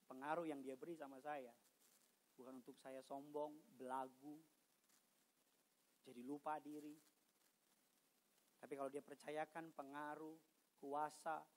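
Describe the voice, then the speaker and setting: A man preaching a sermon as a pastor in church, moving between quiet conversational asides and loud, emphatic passages, with humorous remarks and English phrases mixed in. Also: fairly high pitch, poor audio. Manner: mixes English phrases into his speech. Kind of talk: sermon at a midweek church service.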